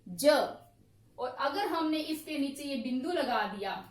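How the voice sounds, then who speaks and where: A woman teaching a grammar lesson, asking questions and answering them herself and repeating examples slowly. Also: high voice, expressive. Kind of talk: classroom-style lesson. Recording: echoey room.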